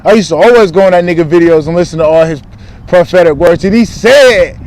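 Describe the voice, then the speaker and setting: A man's voice: high-pitched, fast talker, a little mellow. A man talking in a casual spiritual vlog, rambling and candid, full of profane street slang, recorded outdoors. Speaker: spiritual vlogger.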